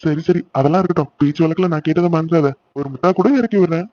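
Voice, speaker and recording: Brief: a man voicing a quick, doting young cartoon husband, mid-pitched, dull lo-fi audio. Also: close to an everyday voice. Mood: teasing. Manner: excited, teasing and affectionate. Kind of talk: cartoon voice acting.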